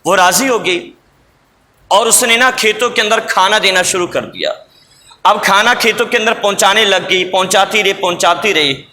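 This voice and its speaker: A man's voice: high voice, sharp tone. A male preacher telling a moral story in a sermon, repeating phrases for emphasis. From Pakistan. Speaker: religious preacher. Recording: long hall reverb.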